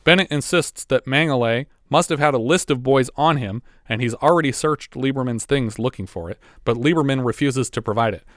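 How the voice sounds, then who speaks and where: A man's voice: mid-range voice, a little fast, hardly any pauses, a bit bright, dry recording, clean studio sound. A man co-hosting a podcast, casually recapping a movie's plot with chatty asides. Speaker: podcast co-host.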